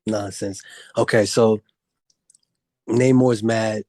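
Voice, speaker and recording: A man's voice: fairly low pitch, steady tone, slow pace, a little mellow, no echo. A man co-hosting a podcast, giving blunt, dry, profane comments in casual banter. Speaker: podcast co-host.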